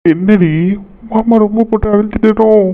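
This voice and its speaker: A man's voice: sits high, fairly even intonation, moderate pace, noisy background, close to an everyday voice. Man voicing a teasing, doting young fiancé. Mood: coaxing. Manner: coaxing, playful pleading. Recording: thin phone-like band.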